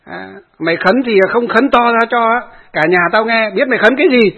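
A man voicing an angry grown son who hurls insults and shouted accusations. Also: very high-pitched, moderate pace, voice pushed up. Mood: furious. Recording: tinny phone-like audio.

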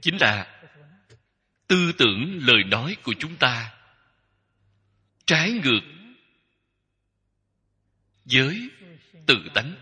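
A man giving a Buddhist dharma talk as a teacher, speaking in slow, measured short phrases that repeat. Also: medium pitch, big pitch swings, pushed and bright, breathy edge. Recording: long hall reverb.

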